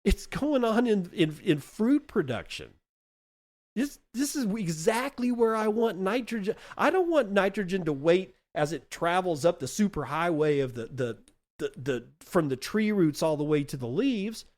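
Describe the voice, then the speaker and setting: A man's voice: high voice, expressive, moderate pace, darkish tone. A man hosting a podcast, talking through a topic in an emphatic, folksy monologue full of rhetorical questions and playful comparisons, often repeating words as he thinks. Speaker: podcast host. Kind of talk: enthusiastic explanatory monologue.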